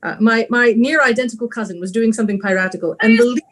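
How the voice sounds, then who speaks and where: Woman chatting on a stream, a bit high pitched, rambly, keeps chuckling. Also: fast talker. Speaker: podcast co-host, stage actor. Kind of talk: casual chat.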